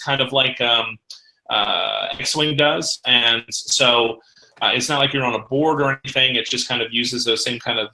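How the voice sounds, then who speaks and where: A man's voice: medium pitch, sharp tone, reverberant, poor audio. A middle-aged man on a podcast, chatting casually and rambling with lots of fillers as he recounts a convention. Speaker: podcast guest.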